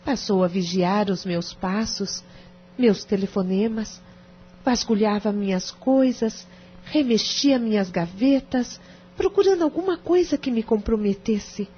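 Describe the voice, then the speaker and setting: A Brazilian woman with a mid-range voice plays a distressed, sincere wife pleading her case to a lawyer, speaking formally, earnestly and unhurriedly. The acting is light, and the radio drama recording sounds dull and muffled, with slight background noise.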